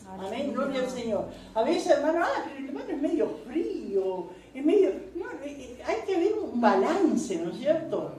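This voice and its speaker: A woman's voice: fairly high pitch, dark tone, a little hiss or hum. A woman giving church Bible teaching, preachy and full of amens and "¿no es cierto?" asides. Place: church meeting room. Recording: echoey church room, mic far off.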